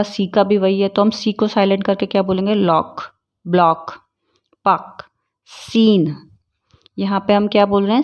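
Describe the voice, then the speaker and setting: A woman's voice: medium pitch, a little mellow. A woman teaching English pronunciation in a lesson, explaining patiently, repeating words and asking questions back to the viewer.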